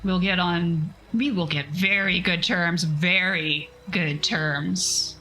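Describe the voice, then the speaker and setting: A nasal, fussy merchant from an old sci-fi tale, as a woman puts him on, fretting over good business terms. The voice is bright and pushed forward, with soft music behind. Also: lowish voice, steady tone, slow. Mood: smug, fussy. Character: nasal male alien-world space merchant, fussy and businesslike.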